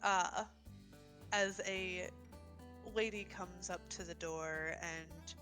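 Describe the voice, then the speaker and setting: A woman's voice: on the low side, fairly even intonation, very slow, sharp tone, faint music behind. A woman narrating as the game master of a tabletop game, giggling often and filling her narration with ums and likes. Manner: giggly, loose narration with fillers.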